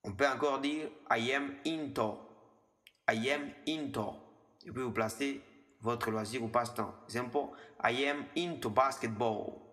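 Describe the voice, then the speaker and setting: Guy in his 20s teaching english, says the examples slow and twice, echoey reverb-y room. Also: mid-range voice, fairly bright tone. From DR Congo. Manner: slows down and repeats the English example phrases. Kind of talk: language lesson explained in French.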